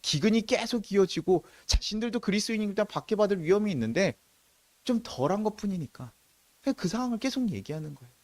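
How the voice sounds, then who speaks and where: A man's voice: high-pitched, animated, quick pace, darkish tone, no room sound. A male pastor preaching a sermon in a conversational way, acting out quoted voices.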